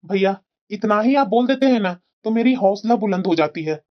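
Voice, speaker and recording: A woman voicing Ravi, an anxious, deferential young man in a cartoon family drama, in a low, quiet put-on voice. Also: animated, normal speed, lo-fi sound, close to an everyday voice. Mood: grateful. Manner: worried, deferential.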